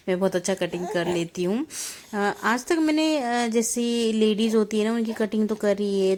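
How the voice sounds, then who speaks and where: A woman's voice: medium pitch, darkish tone. A young woman, a mother, chatting casually to viewers in a home vlog, talkative and often laughing. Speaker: mother vlogging her family channel.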